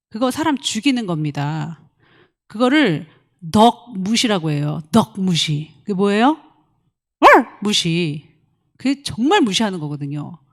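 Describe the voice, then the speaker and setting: A woman pastor preaching a lively sermon, acting out quoted voices and swinging from loud outbursts to soft asides. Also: medium pitch. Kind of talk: lively sermon with acted-out examples.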